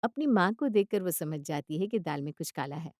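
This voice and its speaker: Woman storyteller, steady scripted narration, dry close recording. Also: deep voice, brisk, dry recording.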